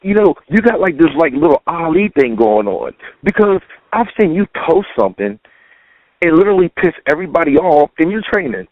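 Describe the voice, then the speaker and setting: A man hosting a sports blog interview over the phone, excitable, laughing often and repeating words as he talks. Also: fairly high pitch, brisk, dry recording, narrow, tinny audio. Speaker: sports blog show host. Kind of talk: casual podcast interview. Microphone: phone line.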